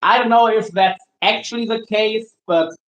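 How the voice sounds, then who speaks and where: A man from Germany, a shark angler chatting casually with viewers while he works, easygoing and halting, often restarting his sentences. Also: high voice, a bit bright, muffled recording. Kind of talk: casual livestream chat while working.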